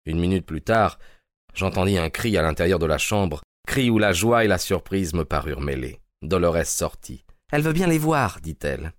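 A man narrating an audiobook in a calm, measured manner. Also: low-pitched, no echo, studio quality.

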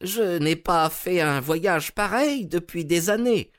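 Man putting on a meek, high old collector. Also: expressive, slow, fairly bright tone, heavily acted. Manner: meek, polite, a little stammering. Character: timid elderly male collector, eager and deferential.

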